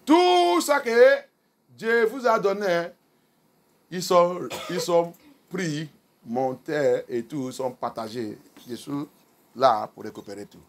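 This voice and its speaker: High-voiced pastor preaching in two languages. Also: male voice, takes it slowly. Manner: preaching with sharp swings between loud and soft; switching between French and English. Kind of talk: bilingual sermon.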